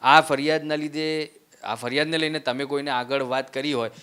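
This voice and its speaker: A male reporter asking probing questions in an interview, pausing on frequent hesitation fillers. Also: on the high side, steady tone, fairly bright tone, clean tone.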